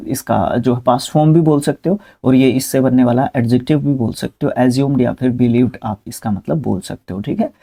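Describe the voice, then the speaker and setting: Gravelly, mellow-voiced man teaching spellings. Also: mid-range voice. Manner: talks students through spellings, repeats words, corrects himself mid-word. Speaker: English vocabulary teacher. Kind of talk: casual spoken lesson.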